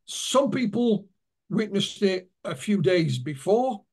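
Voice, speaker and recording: A man's voice: sits high, very animated, slow pace, a little mellow, breathy edge. A man being interviewed as an author, telling anecdotes and retelling what witnesses told him. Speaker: author and guest. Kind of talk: interview storytelling.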